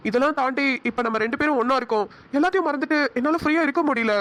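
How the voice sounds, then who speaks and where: A woman voicing an earnest, hot-tempered young husband in a cartoon, talking quickly. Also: high-pitched, fairly bright tone. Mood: tender, pleading. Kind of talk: cartoon voice acting.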